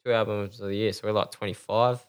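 A man's voice: fairly low pitch, little pitch movement, fast, clear, resonant tone. A man co-hosting a podcast in casual chat, laid-back and given to dry, short remarks. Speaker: podcast co-host.

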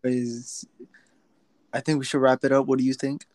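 A man's voice: medium pitch, flat delivery, brisk, a little mellow, no room sound. Laid-back young man co-hosting a podcast. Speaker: podcast co-host. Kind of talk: casual chat.

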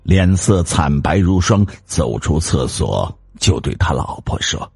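A man tells a ghost story in a dramatic, expressive narration. His voice sits very low with a gravelly, raspy texture, and his pitch rises and falls freely. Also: a little slow, dry recording.

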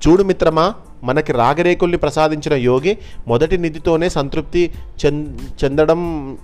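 A man's voice: fairly high pitch, moderate pace, a little mellow, faint music behind, lightly acted. A man voicing a patient, wise friend who earnestly coaxes his companion. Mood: coaxing. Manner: earnest coaxing.

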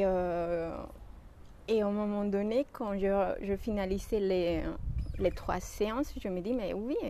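A woman from Mexico speaking French with a Mexican Spanish accent, a shiatsu practitioner answering interview questions with many pauses and restarts. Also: medium pitch, warm tone, a little hiss or hum. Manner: hesitant, many fillers and restarts.

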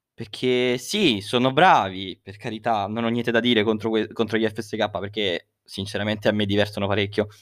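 A young man hosts a solo podcast, speaking through a face mask into a close microphone. His voice sits at an average pitch in a very dry space. He rambles casually and jokingly, often correcting himself mid-thought. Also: no echo. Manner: rambling, self-correcting, uses swear words. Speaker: podcast host. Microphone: close podcast microphone, dry sound.

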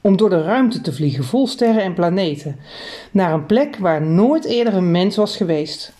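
A woman narrating a children's story in a lively, expressive reading. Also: on the low side, moderate pace.

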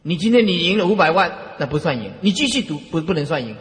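A man with a Taiwanese Mandarin accent lectures students like an animated storyteller, repeating key phrases. His voice sits a little high and swings widely in pitch. The sound rings with the long reverb of a hall. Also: fast talker. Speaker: Buddhist lecturer.

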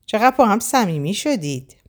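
A woman's voice: deep voice, lively intonation. A woman playing a jealous, sneering young woman. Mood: mocking. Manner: sneering, mocking.

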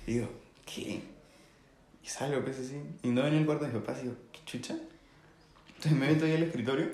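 A man's voice: medium pitch, fast talker, darkish tone. A young man telling a crude story on a casual podcast, laughing a lot and using crude slang. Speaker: podcast co-host. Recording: echoey room.

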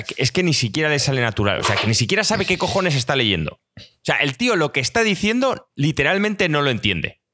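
A man's voice: on the high side, pushed and bright. A man with a Spain Spanish accent, arguing emphatically and swearing a lot as a podcast co-host in heated casual chat.

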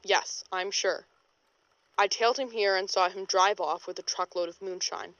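A woman voices a hard-boiled, world-weary female paranormal investigator narrating a recorded case statement in a 1920s noir audio drama, brisk and wry with slangy delivery. Her medium-pitched, natural voice is fairly bright with fairly even intonation at a moderate pace, captured in a dry recording with the highs cut off.

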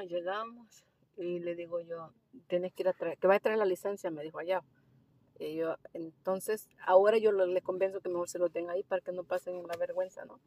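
A woman's voice: fairly low pitch, dry recording. Chatty woman telling a driving story. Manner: animated storyteller, mixes English phrases into Spanish. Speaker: driving instructor. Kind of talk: casual storytelling interview.

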